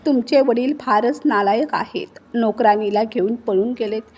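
A woman voicing a hostile young wife who sneers and shouts at her family. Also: fairly high pitch, moderate pace, close to an everyday voice. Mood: angry scornful.

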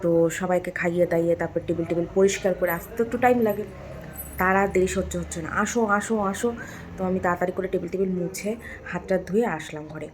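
A woman vlogger chatting casually at home at night, lively while talking with her husband, then speaking softly so a child can sleep. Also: on the low side, quick pace, a little hiss or hum. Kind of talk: casual home vlog chat.

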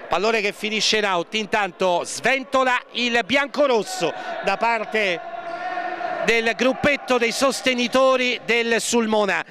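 Man, live futsal commentary, high voice, excitable name-repeating delivery, clearly noisy sports hall behind him. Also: takes it slowly. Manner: excited, repeats players' names, voice rises at key moments. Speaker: match commentator. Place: indoor sports hall during a match. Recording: noisy sports hall ambience, bouncing balls.

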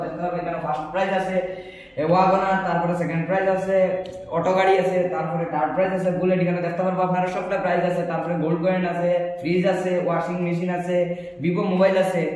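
Very fast, high-pitched young man, echoey room. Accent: Sylheti-influenced Bengali of southern Assam. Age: young adult. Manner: urgent, repetitive. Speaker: vlogger promoting a lucky draw. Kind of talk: informal sales pitch to camera. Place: small bare indoor room. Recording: very echoey hard room, faint noise, clicks.

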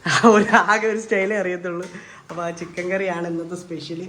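A man's voice: sits high, fairly even intonation, fairly quick, fairly bright tone, a little hiss or hum. A man, chatting casually and rambling as he films a family vlog in a home kitchen, mixing in English words. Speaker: family vlogger filming his partner cooking.

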